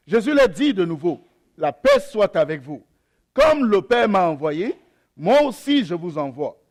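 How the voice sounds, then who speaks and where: In this sermon, a young adult man, a pastor whose mother tongue is African, first reads scripture slowly and then preaches with hesitations and repeated phrases. His voice sits high and is a little mellow.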